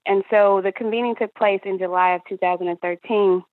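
A young woman answering interview questions in a halting, reflective way, as if searching for words, over a narrow phone-like line. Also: mid-range voice, fairly even intonation, no room sound. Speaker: activist organizer and interview guest.

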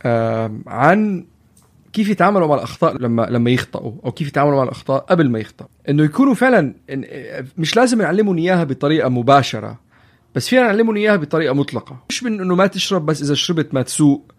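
A man's voice: fairly high pitch, very animated. A man with a Levantine Arabic accent hosting a casual discussion, repeating and restarting phrases and mixing in English. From lives in Canada. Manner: mixes in English phrases, repetitive halting phrasing. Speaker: podcast host.

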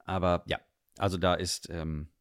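A man's voice: sits low, level tone, normal speed, fairly bright tone, smooth, no echo, clean studio sound. A young man from northern Germany, a guest chatting casually in an interview, rambling with many fillers.

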